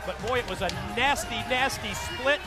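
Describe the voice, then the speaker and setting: A male wrestling announcer gives excited play-by-play in a very high, raised voice. A loud crowd and music sit behind his commentary. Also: moderate pace. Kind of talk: excited live sports commentary.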